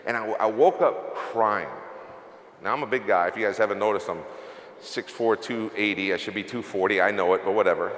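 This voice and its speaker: A man's voice: on the low side, steady tone, fast, a bit bright, a little hiss or hum. A man giving a confessional motivational speech at a convention, fighting back tears as he speaks. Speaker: company executive giving closing remarks. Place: large convention hall. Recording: echoey hall reverb.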